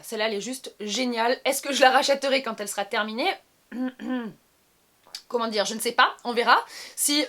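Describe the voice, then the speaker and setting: Chatty woman with a bright voice. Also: a little high. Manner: chatty, many hesitant fillers. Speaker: beauty vlogger. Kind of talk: casual skincare routine vlog.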